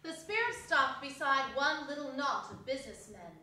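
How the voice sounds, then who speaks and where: Female storybook narrator on stage, high and bright voice, mic some way off, echoing hall. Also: expressive, moderate pace. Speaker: narrator in a dramatic reading. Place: theatre hall stage reading. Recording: echoey hall, distant mic, some noise.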